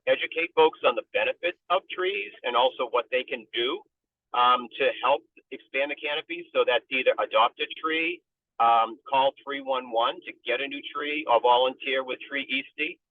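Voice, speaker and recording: A man calling in by speakerphone while driving his car, giving a steady, informative update to a community meeting with frequent ums. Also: mid-range voice, normal speed, no room sound. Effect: car speakerphone call. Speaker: community tree group volunteer. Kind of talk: meeting update over a call. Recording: tinny phone line with faint car noise.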